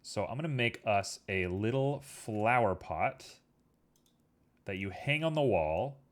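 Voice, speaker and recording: Here a streamer with a fairly low voice talks casually to his viewers as he builds a 3D model on his computer. He rambles in an easygoing, filler-laden way and has a slight sniffle.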